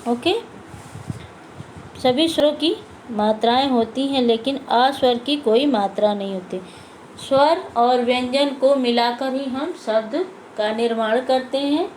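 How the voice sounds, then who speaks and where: A woman with a fairly high voice teaches a lesson to young children. She goes slowly and patiently, repeats each word and asks and answers her own questions. A faint hiss sits under the recording. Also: a little mellow, low-quality recording. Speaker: primary school Hindi teacher.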